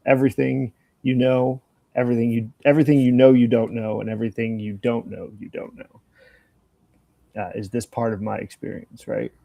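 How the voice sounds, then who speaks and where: An older man co-hosts a casual podcast in a gravelly, warm, mid-range voice with little pitch movement and a moderate pace, recorded with no echo. He rambles through stories and ideas, swears freely, and acts out both sides of conversations.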